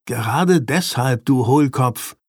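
A man's voice: medium pitch, takes it slowly, darkish tone, slightly rough, dry recording, studio quality. A man voicing a bold eleven-year-old boy, the older brother, with a firm, scolding manner.

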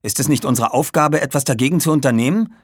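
A man's voice: medium pitch, quick pace, breathy edge, dry recording, clean studio sound, voice pushed up, natural voice. A man voicing a scornful, defiant boy in a raised storybook voice. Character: defiant boy with a pet wolf.

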